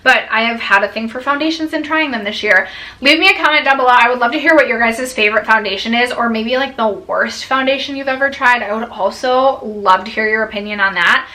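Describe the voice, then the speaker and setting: A woman's voice: on the high side, brisk, pushed and bright. A young woman vlogger chatting casually through a product review, gushing, with lots of "like" fillers. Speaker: beauty vlogger.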